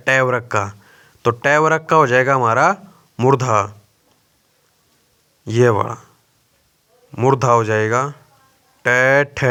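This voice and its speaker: A young man teaching an exam-prep grammar lesson, slowly drilling letters one by one, asking questions and answering them himself, often calling his listeners brother. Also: on the high side, bright, forceful tone, clean tone. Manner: addresses listeners as brother (bhai).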